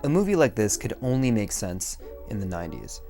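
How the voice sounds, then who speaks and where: A man's voice: on the low side, sing-song, fairly quick, dark tone. A young man getting drunker as he hosts a video essay, rambling casually with swearing and self-deprecating asides. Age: young adult. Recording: music behind the voice.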